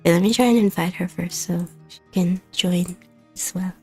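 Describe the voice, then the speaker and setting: A woman's voice: on the low side, moderate pace, darkish tone, husky, faint music behind. A woman hosting a casual podcast, asking questions and laughing often. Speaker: podcast host.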